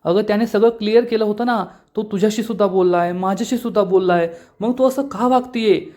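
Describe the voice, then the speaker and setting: A man reading out the lines of a gentle young bride, speaking in a coaxing, pleading way. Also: sits high, a little fast, pitched above the performer's own voice, natural voice.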